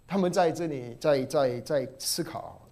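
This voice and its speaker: A man preaching an expository sermon, teaching verse by verse with repeated phrases and sudden drops to a soft low voice. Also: unhurried. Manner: swings between emphatic rises and soft low drops.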